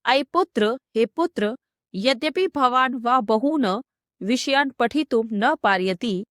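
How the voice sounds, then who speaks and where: A woman's voice: fairly high pitch, lively intonation, takes it slowly, fairly bright tone, dry recording, studio quality. A woman teaching a school textbook lesson, reading each phrase aloud and then explaining it, line by line. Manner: reads each Sanskrit phrase, then gives its meaning. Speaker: Sanskrit teacher.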